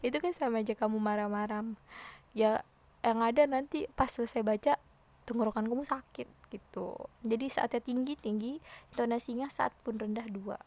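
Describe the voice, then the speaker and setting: A woman teacher giving a casual lesson, lively, acting out example lines loudly and in hushed tones. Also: on the high side, moderate pace.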